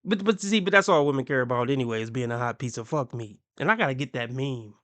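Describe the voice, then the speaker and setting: A man's voice: mid-range voice, fast, a bit bright. A man hosting a reaction commentary, talking with a mocking tone, often laughing and putting on voices to quote people. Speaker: commentary channel host.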